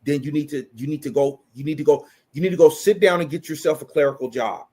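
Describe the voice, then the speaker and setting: A man with a fairly high-pitched voice holds forth in an impassioned opinion rant. He is blunt and swears freely, hammering his point home by repeating phrases. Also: quick pace, mellow, slightly rough. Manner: blunt, profane, emphatic repetition.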